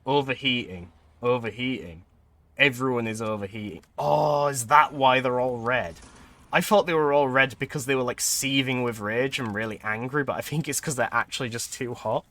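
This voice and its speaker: A man thinking aloud as he plays a building game, rambling in a relaxed, conversational way. His voice sits in a middle pitch for a man, and his talk is broken by frequent chuckles and self-directed questions. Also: moderate pace, dry recording. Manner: chatty, thinks aloud, laughs often. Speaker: streamer. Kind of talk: casual gameplay commentary.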